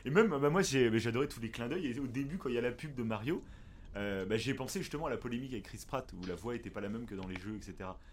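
A man talks quickly and with energy in a relaxed podcast conversation, laughing easily. His voice sits at an ordinary pitch. A faint hum of background noise runs under the recording. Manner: animated, chatty, laughs easily. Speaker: podcast co-host. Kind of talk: casual chat. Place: mountain refuge.

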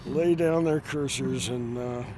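A man who is a protester giving a casual, halting interview outdoors by a road. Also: medium pitch. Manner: halting, hesitant. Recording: clear outdoor traffic noise.

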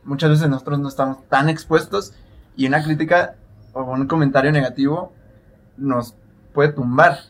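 A man's voice: on the high side, fairly even intonation, moderate pace. A man co-hosting a podcast, asking long, thoughtful questions. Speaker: podcast co-host. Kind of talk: casual interview chat.

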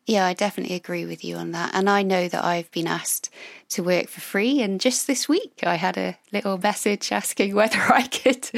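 A woman with a gravelly voice chatting casually and reflectively as a friendly podcast co-host. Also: mid-range voice, dry recording, studio quality.

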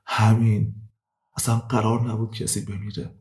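A man voicing a panicked young male ex-convict who begs and shouts, close to tears, in an audio drama. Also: lowish voice, little pitch movement, natural voice. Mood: pleading. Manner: shouting, pleading.

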